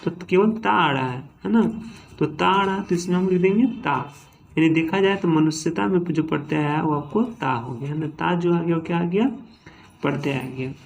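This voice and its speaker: A gravelly, fairly high-pitched man talks at normal speed, with a little hiss or hum audible. Teaching a classroom-style grammar lesson, he breaks words into syllables and repeatedly checks on students with "ठीक है" and "है ना."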